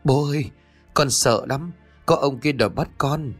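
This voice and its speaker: A man's voice: medium pitch, measured pace, husky, faint music behind, voice pushed up. A man doing a frightened little boy. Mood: scared. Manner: stammering, fearful.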